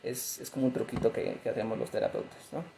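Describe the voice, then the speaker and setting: Mellow-voiced therapist man. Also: medium pitch, quick pace, creaky, slight background noise, rough recording. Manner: conversational, frequent fillers and tag questions. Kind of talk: explanatory talk on grief.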